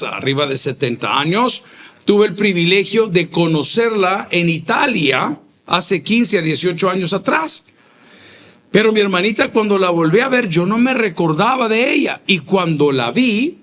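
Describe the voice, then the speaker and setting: A male pastor, preaching a sermon with emphatic repeated phrases and sudden rises in pitch. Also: a bit bright. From El Salvador.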